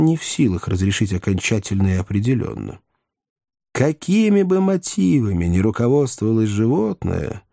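A man narrating a classic comic novel with expressive, animated storytelling. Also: gravelly, no echo, studio quality. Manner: expressive, animated storytelling with wide pitch swings. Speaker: audiobook narrator.

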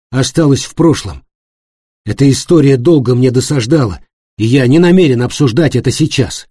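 A defensive, indignant man in an audiobook who insists on his innocence in a firm, raised voice as a male narrator plays him. The tone is husky and dark, in a dry, close recording. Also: medium pitch, dry recording. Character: defensive, angry man accused of stalking.

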